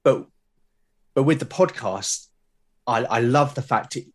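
A British man appears as a guest on a conversational podcast, talking about the solo role-playing show he created. His voice is average in pitch for a man. He sounds reflective and halting, frequently restarting phrases while describing how he works.

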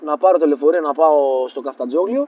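A man's voice: fairly high pitch, husky, phone-quality sound. A man in his thirties, a former footballer, casually telling stories about his career in an interview at a stadium. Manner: relaxed, chatty, speeds up when telling anecdotes. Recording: distant mic, loud outdoor traffic noise.

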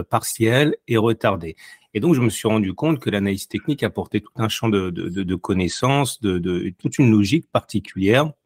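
A deep-voiced man speaks over a low-quality long-distance call. He talks as an interview guest and explains things hesitantly, often going back over his words. The sound is dry, without room echo. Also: slightly rough. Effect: low-quality long-distance call audio. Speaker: podcast guest, technical analyst. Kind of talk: conversational podcast interview.

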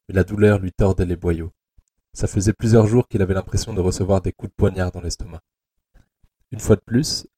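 Homme à la voix grave et voilée. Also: male voice, low-pitched, warm tone, breathy edge. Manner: slow, measured, tense storytelling. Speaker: narrator. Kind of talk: dramatic audiobook narration.

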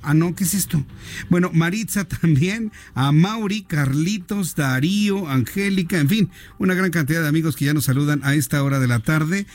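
A man's voice: fairly high pitch, moderate pace. Joking Mexican radio host, man. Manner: playful, joking, reads out listener greetings. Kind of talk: casual radio chat.

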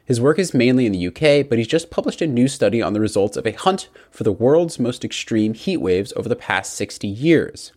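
A podcast host narrates and explains ideas in plain, conversational terms, drawing on everyday images and examples. His voice is medium-pitched and slightly mellow.

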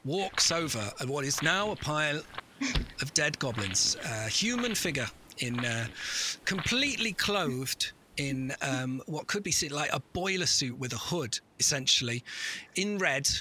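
A man's voice: fairly high pitch, animated, unhurried, bright, forceful tone, a little hiss or hum. A man acting as game master, improvising darkly comic narration for a tabletop role-playing game.

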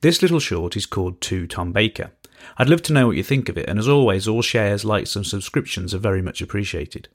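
Reading a scripted account of his own life for his podcast, a man in his thirties from Birmingham, England, uses wry, dry understatement. He speaks a little fast in a lowish, expressive voice.

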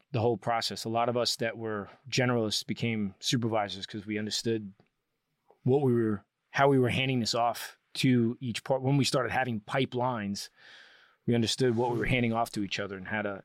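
Male guest, lower register, casual storyteller, eager and rambling, dry close sound. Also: no room sound. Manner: enthusiastic, rambling explanations with frequent restarts.

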